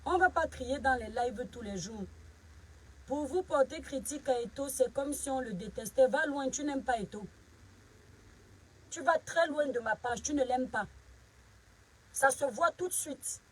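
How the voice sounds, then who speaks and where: A woman's voice: high-pitched, measured pace, long pauses, low-quality recording. A woman from Cameroon hosting a casual live stream, greeting viewers by name and sharply scolding critics. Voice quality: husky.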